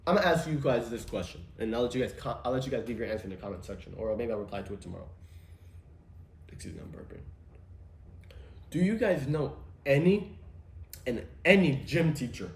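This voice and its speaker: A man's voice: mid-range voice, animated, brisk, pauses often. A young man hosting a solo podcast, rambling casually with profanity and conspiratorial asides. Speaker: podcast host. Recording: roomy echo, faint ambience.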